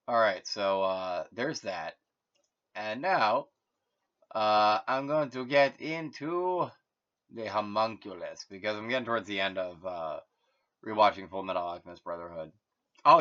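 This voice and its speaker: A man's voice: sits low, sharp tone. A man hosting his own channel, talking in a meandering, casual solo monologue full of fillers and self-corrections. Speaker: host. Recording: dull lo-fi recording.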